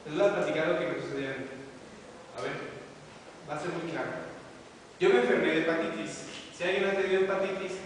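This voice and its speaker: A man's voice: fairly high pitch, fast talker, pauses often. A man teaching a class, telling stories and asking his listeners questions. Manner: storytelling, asks the audience questions. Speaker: religious teacher. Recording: echoey hall, mic far off, hiss.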